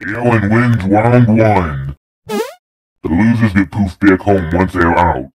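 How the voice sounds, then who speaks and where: A man voicing a referee character in an amateur animation, calm and announcing. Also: fairly low pitch, slow, rough recording.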